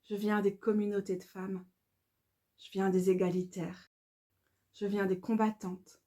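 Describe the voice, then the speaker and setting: A woman reads her own devotional verse in a calm, measured, incantatory way. Her voice is mellow and warm, and her pitch sits in the middle. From Belgium. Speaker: author reading her own book. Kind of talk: devotional poetry reading.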